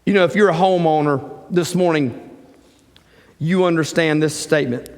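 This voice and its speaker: A man's voice: on the high side, normal speed, smooth. A middle-aged man, a pastor preaching a sermon and acting out the dialogue of his stories. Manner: animated storytelling preacher, acts out quoted dialogue. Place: church sanctuary. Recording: church live stream with long hall reverb.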